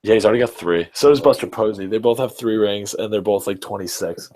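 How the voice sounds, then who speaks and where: A man's voice: on the low side, quick pace, darkish tone. A man in his early twenties hosting a casual sports chat, rambling enthusiastically with lots of fillers and restarts. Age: early 20s. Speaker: podcast host.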